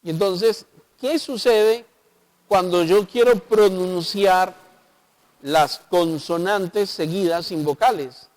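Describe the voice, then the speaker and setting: High-voiced Colombian pastor teaching. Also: male voice, takes it slowly, darkish tone. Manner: explanatory, asks the audience rhetorical questions. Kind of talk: televised Bible teaching. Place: local TV studio.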